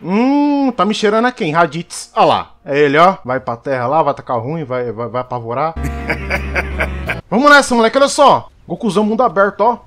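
A young man, commenting on a game in a high, lively voice. He jokes and shouts at the action, and his voice leaps around a lot. Faint game music plays behind him. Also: moderate pace. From Brazil. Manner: excitable, joking, shouts at the game. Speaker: gaming YouTuber.

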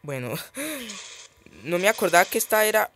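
A man's voice: high-pitched, moderate pace. A man giving casual gameplay commentary as he plays a mobile game, chatty and thinking aloud, easily startled.

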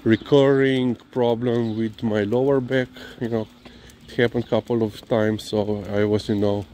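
Here a dog-owning vlogger with a Slovenian accent chats casually on an outdoor walk, rambling and hesitating, with "you know" coming up frequently. His medium-pitched voice is warm, with fairly even intonation. Vehicles and other outdoor noise are clearly audible.

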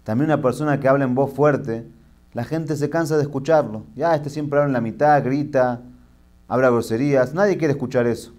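A middle-aged man, a rabbi giving a sermon and telling jokes as a lively storyteller. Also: mid-range voice, a little fast.

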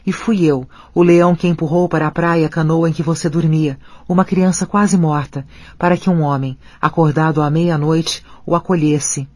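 A man voicing a great male lion who speaks slowly and gravely. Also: fairly high pitch, little pitch movement, a little mellow, no room sound, close to an everyday voice. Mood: solemn. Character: great male lion, deep, solemn and gentle.

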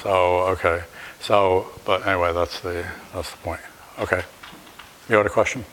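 A man's voice: low voice, fairly even intonation, moderate pace, a bit bright, a little hiss or hum. A middle-aged man giving a university lecture in a hall, thinking aloud and often restarting his phrases.

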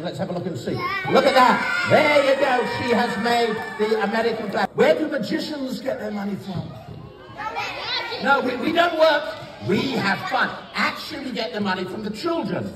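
An animated, older children's magician and entertainer from England teases and instructs kids with playful, theatrical party patter in a live comedy stage show, his male voice sitting high. The recording comes from an audience phone camera several metres off in a large wood-panelled council chamber, echoey and loud with a crowd of children and adults.

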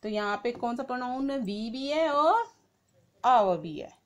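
A woman teacher giving a grammar lesson to children, saying each word slowly and asking questions that she answers herself. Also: on the high side, lively intonation. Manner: slow, drawn-out word-by-word dictation.

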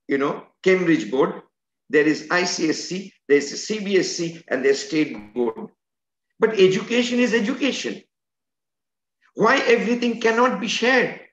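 A man's voice: fairly high pitch, fairly bright tone. Older man lecturing over a video call. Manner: earnest, emphatic, lecturing with hand gestures. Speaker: educator and trainer. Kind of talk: online lecture talk. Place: home room, video call. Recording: roomy, dull video-call audio.

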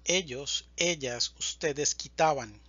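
A man teaching a slow, deliberate verb conjugation lesson, reading word lists with even spacing. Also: a little high, dry recording, highs cut off. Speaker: Spanish teacher.

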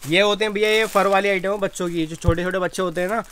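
A young man who owns a wholesale shop, showing his goods and quickly rattling off prices while agreeing often. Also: high voice, steady tone, fairly bright tone, a little hiss or hum. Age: young adult. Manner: rapid salesman patter, rattles off prices; repeats "haan ji" agreement. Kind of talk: product walkthrough. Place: cramped indoor bag shop.

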